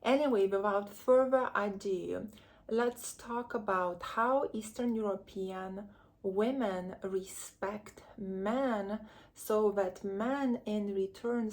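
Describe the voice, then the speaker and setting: A woman's voice: medium pitch, slow. A woman from Lithuania, a relationship coach giving earnest, chatty advice to camera and drawing on her own upbringing. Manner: earnest, chatty, candid with personal stories. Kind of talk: direct-to-camera advice vlog.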